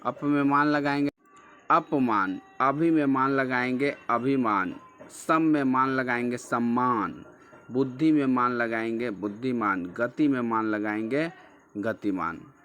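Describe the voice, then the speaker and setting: A man's voice: mid-range voice, unhurried, a bit bright. A man teaching a textbook lesson, patiently explaining, repeating key words and asking questions that he then answers himself. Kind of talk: slow classroom explanation of a textbook chapter.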